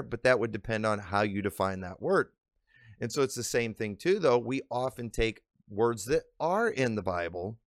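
A man's voice: lowish voice, fairly bright tone, no room sound. Pastor guy chatting about prophecy on his podcast, earnest, lots of restarts, dry close sound. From Illinois. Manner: earnest, with frequent restarts and drawn-out emphasis. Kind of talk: conversational teaching monologue.

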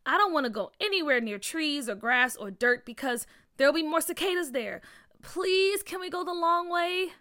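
A woman's voice: high voice, expressive, moderate pace, bright, forceful tone, voice pushed up. A woman voicing a frightened young schoolgirl who whimpers, shrieks and pleads about bugs. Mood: whiny pleading. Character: frightened young schoolgirl, dramatic and bug-hating.

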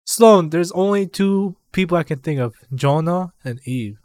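A man's voice: a little high, lively intonation, unhurried, darkish tone, no room sound, studio quality. A young man co-hosting a podcast, chatting casually and teasing his friends in matey banter. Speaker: podcast co-host. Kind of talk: casual chat among friends.

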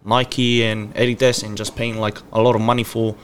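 A man's voice: lowish voice, level tone, normal speed, a little hiss or hum. A man in his twenties from Samoa, a podcast guest chatting in a laid-back, easygoing way. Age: 20s. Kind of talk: casual chat.

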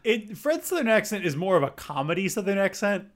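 A man co-hosting a relaxed podcast conversation in a somewhat higher voice. He is playful and fires off teasing questions one after another. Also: fairly quick, a little hiss or hum. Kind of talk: casual chat.

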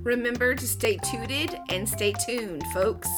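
A woman's voice: a little high, slow pace, loud music behind the voice. Woman podcast host, conversational explainer. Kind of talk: casual explanatory podcast talk.

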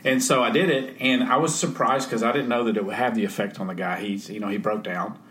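A middle-aged man in a casual faith conversation, telling folksy stories and softly acting out quoted speech. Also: fairly low pitch, fairly even intonation, fast, slight background noise. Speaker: guest.

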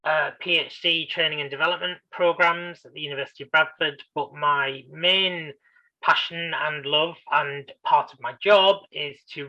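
A man's voice: medium pitch, bright, forceful tone, highs cut off. A man, a university researcher, speaking as a podcast guest in a cheerful, articulate and lightly humorous way. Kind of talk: casual podcast interview.

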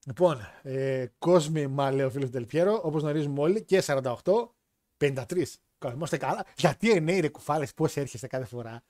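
A young man hosts a wrestling chat, joking and slangy, reacting to viewer comments. His voice sits a bit high. The sound is close and dry. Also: darkish tone, no echo. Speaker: wrestling show host. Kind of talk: casual chat reading chat comments.

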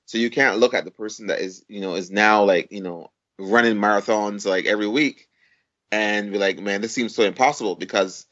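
A man from Barbados in his forties, a podcast guest, explaining things in a measured way with step-by-step examples. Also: on the low side, fairly bright tone. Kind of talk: conversational interview. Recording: dull lo-fi audio.

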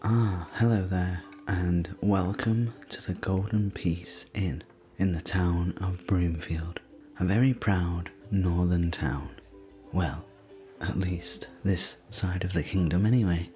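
A man voicing a friendly, hospitable innkeeper of a fantasy tavern in a whispered sleep-story roleplay, talking in a soft, gently rambling way. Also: low voice, fairly even intonation, slow, faint music behind. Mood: welcoming.

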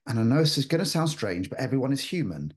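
A man's voice: medium pitch, sing-song, fast talker, a little mellow. A man, asking questions casually as a radio interviewer.

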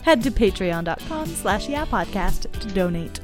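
A woman's voice: mid-range voice, animated, moderate pace, over music. A woman co-hosting a podcast in casual book chat, chatty with lots of fillers and giggles. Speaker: podcast co-host.

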